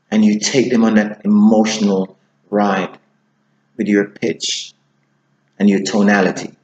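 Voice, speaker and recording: A man teaching public speaking, talking to camera and deliberately shifting his pace, slowing down for emphasis. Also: fairly low pitch, a little mellow, roomy sound, low-quality recording. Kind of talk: instructional talk to camera.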